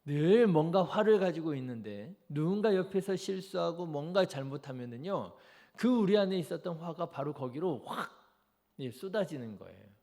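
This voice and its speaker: Korean pastor preaching, mellow voice. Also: male voice, on the high side, animated, moderate pace. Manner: preaching with rhetorical questions to the congregation. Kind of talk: dawn service sermon. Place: church sanctuary.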